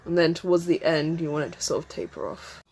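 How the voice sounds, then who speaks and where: Walking viewers through her makeup routine one step at a time, a chatty woman vlogger occasionally lowers to a soft murmur while focusing. She has a deep voice with little pitch movement and talks a little fast.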